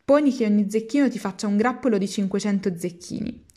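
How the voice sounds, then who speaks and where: Sneaky fox talking someone into a scam, smooth and coaxing, woman reading it. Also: mid-range voice, quick pace, warm tone, lightly acted. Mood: persuasive. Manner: coaxing and persuasive. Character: sly smooth-talking fox, cunning swindler. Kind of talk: storybook reading.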